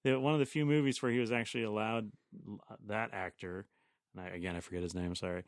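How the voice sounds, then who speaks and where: A man co-hosts a casual film podcast, chatty and opinionated, and now and then turns to the listeners. His voice is on the low side. The sound is dry and close to the mic. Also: fairly even intonation, fast, dry recording. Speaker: podcast co-host. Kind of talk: casual chat about films.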